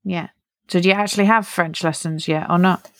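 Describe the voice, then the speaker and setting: A middle-aged woman on a podcast interviews a child, offering patient, friendly, and simple follow-up questions that encourage the child. She talks a little fast in a steady voice that is on the low side yet fairly bright, with no room sound in the recording.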